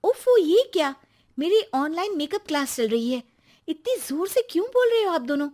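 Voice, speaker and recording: A woman's voice: high voice, slow pace, full character voice. Woman doing a bubbly, boastful young bride. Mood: excited. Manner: excited, bragging. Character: cheerful young daughter-in-law, boastful.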